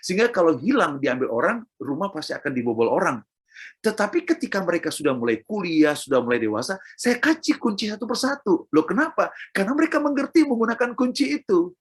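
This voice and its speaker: A man's voice: high voice, big pitch swings, fast, slightly rough. A middle-aged man preaching a sermon, emphatic and repetitive, speaking straight to his listeners.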